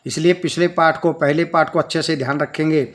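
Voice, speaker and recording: A man's voice: on the high side, steady tone, a little fast. A man teaching a children's language lesson, patiently breaking words into sounds and spelling them out step by step.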